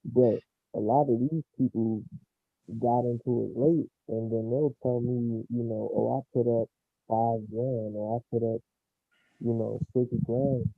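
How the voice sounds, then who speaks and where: A man's voice: medium pitch, steady tone, measured pace, vocal fry, no echo, soft background music. A man in casual, slangy chat whose voice comes through muffled, as if from behind a wall. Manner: laid-back slangy talk. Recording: dull lo-fi muffled remote audio.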